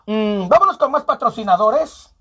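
A man's voice: sits high, lively intonation, normal speed, bright, forceful tone, slightly rough. A man with a Mexican Spanish accent, hosting a comic local show as a clown, joking and reading out ads and phone numbers. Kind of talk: comic radio-style show with ads and news.

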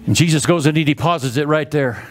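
A man's voice: on the high side, fast, background noise. A man preaching a sermon as pastor, fervent and repetitive, leading his congregation in call-and-response.

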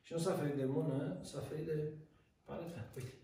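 A man who trains dogs, giving short repeated commands and lively praise at a training school. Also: fairly high pitch, vocal fry. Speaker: dog trainer. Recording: roomy, distant mic, loud noise.

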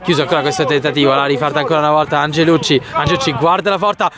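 A man giving excited play-by-play football commentary in the manner of goal commentary. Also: fairly high pitch. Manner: animated, bursting into drawn-out shouts at goals and shots. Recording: crowd and outdoor noise behind.

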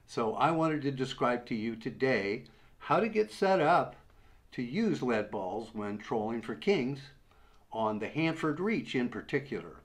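A man in his sixties, a fishing instructor, sits at a table in a small room and slowly, patiently walks through a fishing rig step by step, with plenty of uhs. His medium-pitched voice swings widely in pitch. It's a how-to demonstration recorded by a camera in front of him at desk distance.

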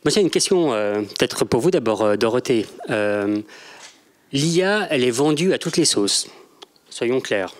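A man's voice: mid-range voice, lively intonation, measured pace, a little hiss or hum. A middle-aged man hosting a live panel informally into a handheld microphone, with hesitant phrasing and frequent tag questions. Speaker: panel moderator. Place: large theatre stage.

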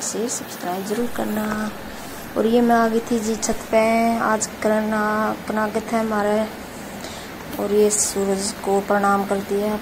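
A woman, calmly narrating her village chores in a homely running commentary for her vlog. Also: medium pitch, noisy background. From India. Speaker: village life vlogger. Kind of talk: casual voice-over narration of daily chores.

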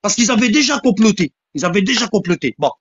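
Husky insistent voice, dull lo-fi sound. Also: mid-range voice, animated, fast, dry recording. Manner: insistent, repeats "hein?" and "tu vois?"; emphatic, repeats lines for stress. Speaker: religious polemicist. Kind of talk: heated religious polemic talk.

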